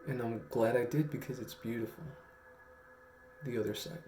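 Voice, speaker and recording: A young adult storytelling vlogger from Guam speaks reflectively to camera from a small room at home, slow and earnest, halting with long pauses. His mid-range voice is steady and dark-toned. Faint music, a roomy echo and slight background noise are audible.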